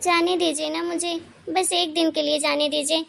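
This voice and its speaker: A woman acts out a timid older mother-in-law in a cartoon story. She pleads meekly in a very high, flat voice with a gravelly edge. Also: moderate pace, exaggerated voice. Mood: pleading. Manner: meek, pleading, tearful. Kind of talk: cartoon voice acting.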